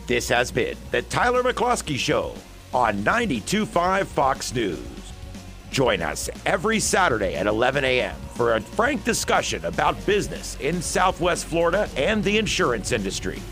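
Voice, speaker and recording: An American man delivers a scripted radio promo as an announcer. His pitch moves in a lively, animated way, and light music plays behind him. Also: normal speed.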